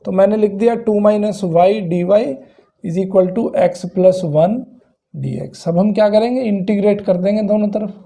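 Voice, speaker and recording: Male math tutor, high-pitched yet very mellow, patient step-by-step lecturing. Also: fairly even intonation, unhurried, gravelly. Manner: explains step by step, asks and answers own questions. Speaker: math teacher. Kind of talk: classroom lecture.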